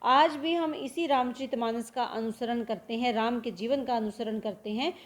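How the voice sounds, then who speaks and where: High-pitched woman lecturing on language. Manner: explanatory, repeats example words slowly and asks herself questions. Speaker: teacher. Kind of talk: Hindi literature lecture.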